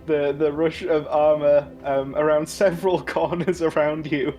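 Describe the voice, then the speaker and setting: A man running a tabletop game, his voice sitting a little high as he narrates scenes and asks for dice rolls. Soft music sits under the table talk. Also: flat delivery, unhurried, rough recording. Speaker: game master.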